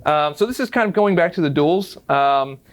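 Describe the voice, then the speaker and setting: A man interviews a developer in a relaxed, conversational way, working through questions sent in by viewers. His voice sits a little high for a man, and he pads his lines with easy fillers as he goes. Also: moderate pace. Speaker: interviewer, community content host. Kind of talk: casual interview.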